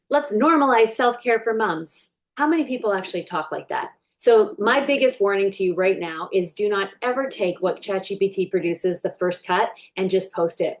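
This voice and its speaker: A woman explains her process in a casual, unscripted tutorial, her voice sitting in a mid range. She talks loosely, with plenty of fillers and restarts. She slows down when she reads prompts aloud as she types them. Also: mid-range voice. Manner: slows right down while dictating prompts. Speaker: online business coach. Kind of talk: casual screen-share tutorial.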